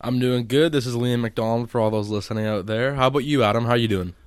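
A man's voice: medium pitch, fast talker, smooth, dry recording, clean studio sound. A man co-hosting a casual film discussion podcast, recorded in an attic. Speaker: podcast co-host. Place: indoors in an attic.

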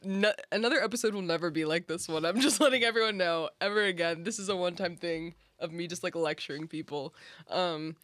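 Young woman, lower voice, rambling chat, hedging, laughing, dry close sound. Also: fairly quick, a bit bright, dry recording. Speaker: podcast co-host. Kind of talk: casual chat.

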